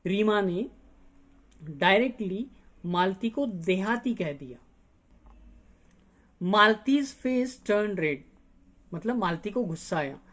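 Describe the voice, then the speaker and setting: A man's voice: high voice, animated, fairly bright tone. A male teacher, reading a story's lines aloud and explaining the words in Hindi. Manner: reads English lines slowly, then explains them in Hindi. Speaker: English teacher. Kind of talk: bilingual lesson explaining a story.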